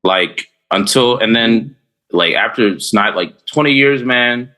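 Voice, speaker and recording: A man's voice: mid-range voice, lively intonation, a little slow, bright, forceful tone. A man co-hosting a podcast in casual chat, laid-back, telling stories with voiced asides. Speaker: podcast co-host.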